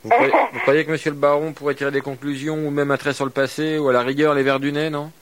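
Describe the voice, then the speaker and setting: A man making a prank phone call, speaking in a mock-formal, deadpan way full of innuendo. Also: fairly high pitch, quick pace. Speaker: prank caller.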